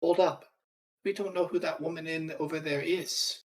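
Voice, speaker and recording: A man's voice: a little high, flat delivery, normal speed. A man chatting casually as a player in a tabletop fantasy game.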